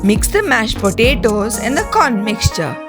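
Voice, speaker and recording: A woman reads a recipe voice-over in calm, step-by-step instructions. She speaks slowly, and her pitch moves in a lively, sing-song way. Clear music plays under her voice. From India. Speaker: cooking channel host. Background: clear background music.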